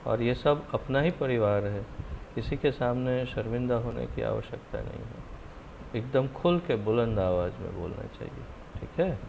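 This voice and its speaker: Gravelly man teaching a scripture class. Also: mid-range voice, expressive, a little slow. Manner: firm, encouraging, corrective. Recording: muffled online call audio with faint noise.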